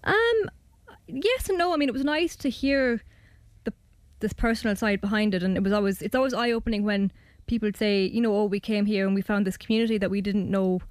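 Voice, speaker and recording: An Irish woman in her twenties, a student documentary maker, chats casually as a radio guest and narrates her own documentary. Her medium-pitched voice moves a little fast and she hedges with plenty of fillers. The recording is dry.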